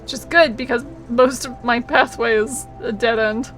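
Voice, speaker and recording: Cute, bubbly, high-voiced woman streamer. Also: steady tone, moderate pace, fairly bright tone, soft background music. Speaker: video game live streamer. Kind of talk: casual livestream gameplay commentary.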